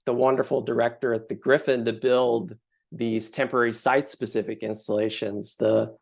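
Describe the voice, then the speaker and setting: A man from Finland, giving a thoughtful artist talk with frequent pauses and fillers. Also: medium pitch, little pitch movement, gravelly. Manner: thoughtful, hesitant with many fillers.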